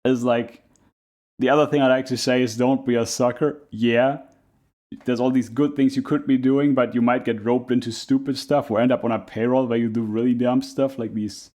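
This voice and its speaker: A man's voice: medium pitch, fairly even intonation, normal speed, a little mellow. A man giving casual live reaction commentary as a streamer, rambling in a laid-back, unbothered way.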